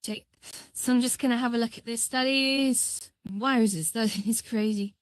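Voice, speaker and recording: Female tutorial streamer, voice-changer processed, higher pitch, dry close sound, halting and thinking aloud as she works. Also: fairly even intonation, no room sound. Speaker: livestream tutorial host. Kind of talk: casual live software tutorial.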